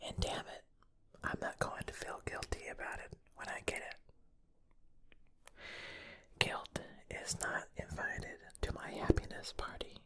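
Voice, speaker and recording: Slow whispered pep talk, crisp and bright. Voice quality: whispered, breathy. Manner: slow, deliberate delivery with playful, tongue-in-cheek encouragement. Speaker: ASMR host.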